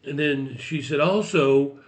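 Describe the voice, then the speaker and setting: A man in his sixties talks through a memory in a relaxed, chatty way. He retells what people said with lively emphasis and keeps his pitch in a middle range. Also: slow pace. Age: 60s. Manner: animated retelling, acts out quoted dialogue. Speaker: podcast guest. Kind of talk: casual storytelling.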